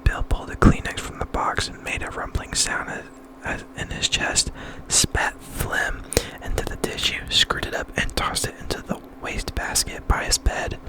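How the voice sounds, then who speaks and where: A man reading a novel aloud as ASMR in a breathy, intimate whisper, very close, as if right in the listener's ear. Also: normal speed, hardly any pauses, poor audio.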